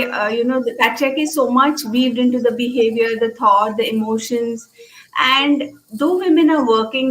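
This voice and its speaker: A woman's voice: on the high side, roomy sound, slight background noise, low-quality recording. A woman from India, an author and coach, speaking hesitantly with many fillers. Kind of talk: interview.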